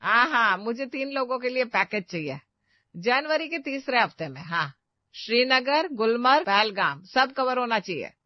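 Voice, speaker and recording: A woman voicing a bossy, scheming middle-aged mother-in-law who talks loudly and commands. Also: mid-range voice, normal speed, no room sound, dull audio, natural voice. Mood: loud phone act. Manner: loud, commanding, scolding.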